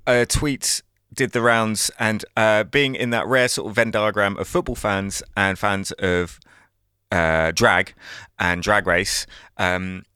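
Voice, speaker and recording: A relaxed man co-hosting a podcast late at night, speaking in a lowish but bright, crisp voice. His tone is smooth and easygoing. The mic is dry and close. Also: takes it slowly, no echo. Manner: relaxed, agreeable, sleepy. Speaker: podcast co-host. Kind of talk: casual chat. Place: home room at night.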